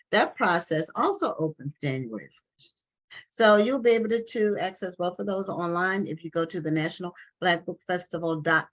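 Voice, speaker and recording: Over a video call, a woman hosts a live online book talk show, chatty and loose, with restarts and fillers. Her voice is fairly low in pitch and a bit bright.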